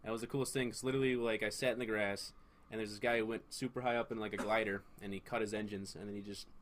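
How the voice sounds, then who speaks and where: A man's voice: lowish voice, steady tone, fast talker, fairly bright tone. A young man, a student guest, chatting casually and telling rambling, self-deprecating stories. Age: young adult. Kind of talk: casual chat.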